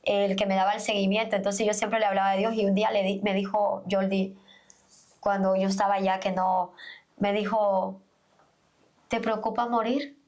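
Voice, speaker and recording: A woman's voice: mid-range voice, level tone, moderate pace, darkish tone. A middle-aged woman pastor, a podcast guest, telling her personal faith testimony earnestly and acting out the dialogue as she goes. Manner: earnest storytelling, reenacts dialogue.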